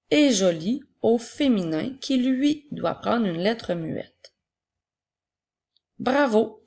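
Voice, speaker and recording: Slow, gravelly-voiced woman teacher dictating. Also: medium pitch, a little mellow. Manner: slow, clear dictation, repeating each word. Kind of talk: spelling and dictation lesson for young children.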